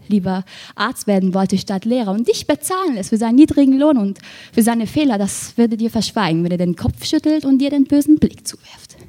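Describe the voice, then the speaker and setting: Woman, slam poet, higher voice, rhythmic rhyming delivery, shifts from hushed to loud. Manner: rhythmic, rhyming delivery with sharp swings between soft and loud. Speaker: spoken word poet. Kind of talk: performed slam poetry.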